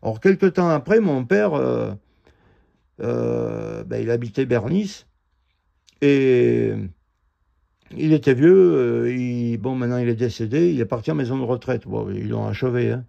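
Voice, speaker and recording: A middle-aged man telling his own grievance in a halting, indignant ramble full of fillers and restarts. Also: mid-range voice, vocal fry, dark tone. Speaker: vlogger telling a personal grievance. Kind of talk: rambling first-person account. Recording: dull lo-fi audio.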